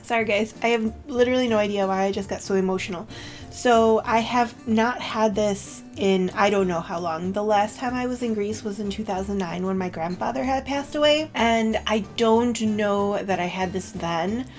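A woman's voice: medium pitch, normal speed, faint music behind. A young woman vlogging casually to camera, chatty and full of "like", emotional and close to tears. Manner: chatty, with filler "like" and self-corrections. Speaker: beauty vlogger.

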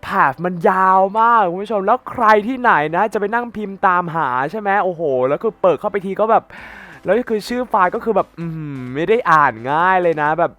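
A man's voice: sits high, a little fast, few pauses, fairly bright tone, faint music behind. A young man with a slight cold, chatting casually to his viewers while playing a game and wandering off into rambling asides. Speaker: gaming YouTuber. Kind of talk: casual gameplay commentary.

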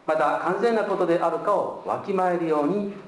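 A man with a slightly raised pitch reads scripture in a slow, measured way and then introduces the sermon. The roomy echo of the church sanctuary comes through on the live stream. A faint hiss sits underneath. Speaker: worship leader.

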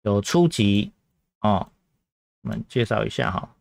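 A man walks through exam questions in a casual, chatty way, repeating each point and dotting it with filler sounds. His voice sits low, and the recording is dry and close. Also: expressive, measured pace, gravelly, a little mellow, dry recording. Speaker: Japanese teacher. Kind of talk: grammar lesson explanation.

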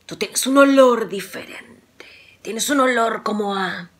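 A woman doing a slow, menacing cannibal giant. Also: on the high side. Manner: slow and sniffing. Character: huge bald cannibal giant, male, menacing.

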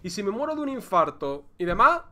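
A man with a Spain Spanish accent streaming a video game, chatting casually with excitable, theatrical, joking complaints. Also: high-pitched, fairly quick. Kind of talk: casual livestream gameplay chatter.

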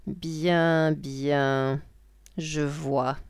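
A woman's voice: sits low, steady tone, drawn-out words, smooth, dry recording, studio quality, full character voice. A woman voicing a wicked old witch in a children's story, with a theatrical, cackling manner. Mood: scheming.

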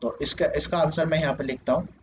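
A young man with a fairly high voice talks through a problem in a casual lesson, step by step, with plenty of fillers and restarts. The recording is a bit dull and lo-fi, with a faint hiss behind him. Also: steady tone, quick pace. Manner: explains step by step, many fillers and self-corrections. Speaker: teacher. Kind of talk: casual Hindi lecture working a problem on screen.

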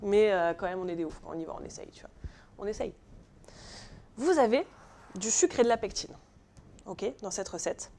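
A woman's voice: mid-range voice, expressive, normal speed, long pauses, mellow, slight background noise. A woman teaching a live pastry class in a kitchen, chatty and joking with viewers, often checking in with "ok?". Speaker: pastry instructor. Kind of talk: live online baking class.

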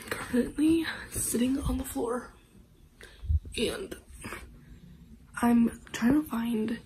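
Young woman, nasal and congested, higher voice, chatty half-whispered vlog talk, faint hiss behind. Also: warm tone, low-quality recording. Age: young adult. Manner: chatty, rambling, often drops to a half-whisper. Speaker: vlogger. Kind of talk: casual vlog chat. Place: at home, indoors.

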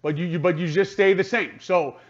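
A man's voice: high voice, fairly even intonation, fairly quick, dull audio. A man giving postgame radio analysis, sounding frustrated, repeating himself and restarting sentences as he talks. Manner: frustrated, repetitive, restarts often.

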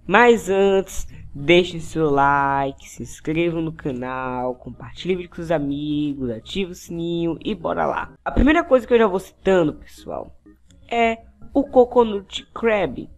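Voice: medium pitch, unhurried. Upbeat Brazilian gaming youtuber. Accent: Brazilian Portuguese. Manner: upbeat, addresses viewers constantly as "pessoal". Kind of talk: game tutorial commentary.

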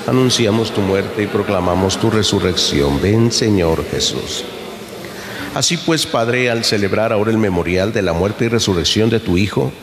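A middle-aged priest intones the Mass in a slow, measured, solemn voice that sits low. He is recorded from across the altar, with a long reverb rolling through the church. A faint hum of ambience lies underneath. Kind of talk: liturgical recitation at Mass. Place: church sanctuary, behind the altar. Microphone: fixed camera from across the altar.

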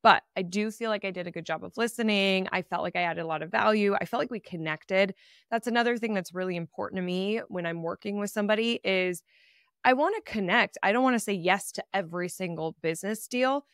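Brief: woman in her 30s, podcast host, animated chatty storyteller, smooth clear tone, dry close sound. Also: medium pitch, brisk, no echo. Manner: animated, chatty, many "like" fillers. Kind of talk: personal storytelling monologue.

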